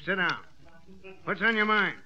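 An actor playing a grouchy, harried newspaper editor with testy, deadpan screwball comebacks, in 1940s radio comedy style. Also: male voice, high-pitched, normal speed. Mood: testy, curt. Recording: dull vintage radio recording.

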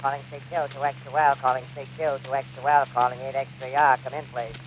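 An amateur radio operator making a ham radio call, urgently repeating call signs into the void. His voice stays level and narrow in pitch. The recording is a muffled, hissy old radio broadcast. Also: little pitch movement, fast talker. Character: male amateur radio operator calling on the air. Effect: ham radio call over the air. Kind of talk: 1930s radio drama acting.

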